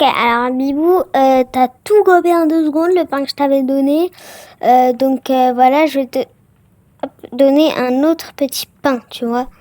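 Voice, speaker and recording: A high-pitched woman chats her way through a game for her viewers, exclaiming often and filling pauses. She speaks slowly, and the sound is dry and close. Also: darkish tone, no room sound. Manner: chatty, exclaiming, many fillers. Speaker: gaming vlogger. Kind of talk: casual game commentary to viewers.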